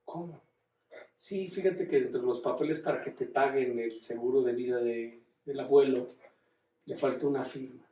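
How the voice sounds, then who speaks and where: A man as a hesitant, polite grown son; soft delivery, recorded off-mic in a roomy space. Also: mid-range voice, moderate pace, close to an everyday voice. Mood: apologetic. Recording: roomy room, distant mic.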